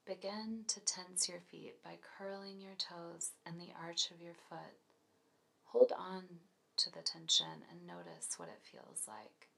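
A woman leads a scripted guided relaxation in a soft, breathy, near-whispered voice, giving slow, calm, soothing instructions. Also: lowish voice.

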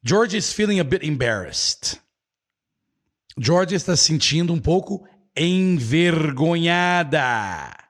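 A man with a Brazilian accent teaching English in a live online lesson, repeating every phrase slowly and switching between English and Portuguese. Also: fairly high pitch, expressive.

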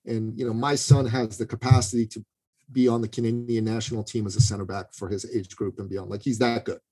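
A man's voice: lowish voice, little pitch movement, fairly quick, dark tone, slightly rough. A man telling a story as a podcast guest, talking casually and often checking in with "you know" and "right". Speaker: business coach.

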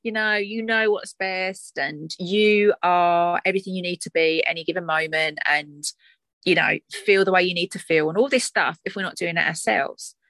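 A woman with an Essex twang talks casually and reflectively, as a guest would. Her voice sits a little low. The sound is dry, with little room around it, and her delivery is chatty and conversational. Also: moderate pace, fairly bright tone, dry recording. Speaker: doula, interview guest.

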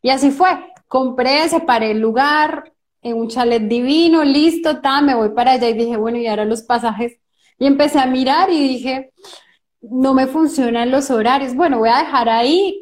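A woman's voice: high voice, moderate pace. A woman, hosting a podcast, telling a personal story in a chatty way and quoting her own thoughts. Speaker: podcast host. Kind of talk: casual podcast conversation.

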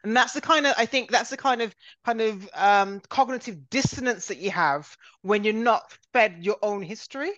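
A woman's voice: mid-range voice, moderate pace, few pauses, a bit bright, no echo, highs cut off. A woman with an English accent hosting a casual, reflective interview, affirming and thoughtful as she talks. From United Kingdom. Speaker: podcast interviewer.

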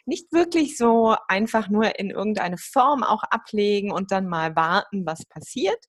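Female interview guest, medium pitch, conversational delivery, very dry recording. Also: expressive, a little slow, dry recording. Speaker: podcast guest, yoga coach.

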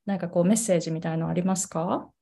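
A woman's voice: fairly low pitch, steady tone, very fast, vocal fry, dark tone. A woman host asking curious, encouraging questions in a casual interview.

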